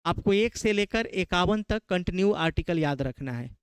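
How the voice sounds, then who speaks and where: A man's voice: high voice, animated, normal speed, clear, resonant tone, no room sound. A man from Bihar with a Bihari Hindi accent, teaching a classroom lecture, quizzing his students and repeating key terms.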